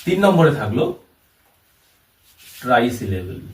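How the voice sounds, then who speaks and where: A man's voice: medium pitch, big pitch swings, measured pace, darkish tone. A man explaining a language lesson step by step, repeating each term and example. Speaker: English teacher. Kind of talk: classroom-style lesson explanation. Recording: roomy echo, voice from far off the mic.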